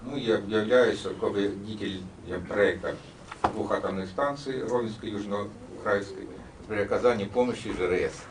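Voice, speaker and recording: Low-voiced man, formal, echoey room. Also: normal speed. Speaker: department director. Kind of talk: formal self-introduction. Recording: distant echoey room mic with background noise.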